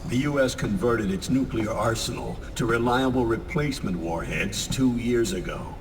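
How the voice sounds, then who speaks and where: A man's voice: medium pitch, normal speed, long reverb tail, far from the mic, noisy background, close to an everyday voice. A man playing an older military commander who gives a grave, commanding mission briefing in a video game. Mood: grave, explanatory.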